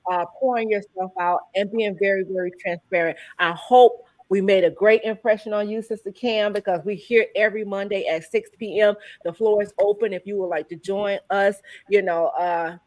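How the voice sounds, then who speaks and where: A woman's voice: medium pitch, no echo. A woman hosting a live-streamed talk show on a video call, upbeat and folksy, calling the viewers y'all. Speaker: host.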